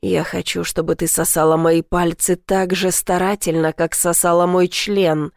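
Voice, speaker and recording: A woman reading the lines of a passionate, possessive young man, murmuring low and husky. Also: flat delivery, moderate pace, no echo, studio quality. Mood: rough.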